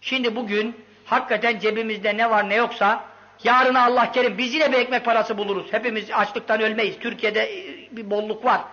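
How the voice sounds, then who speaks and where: A man preaching a sermon with impassioned storytelling, swinging from loud outbursts to hushed lines. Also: sits high, steady tone, a little fast. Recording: dull lo-fi recording.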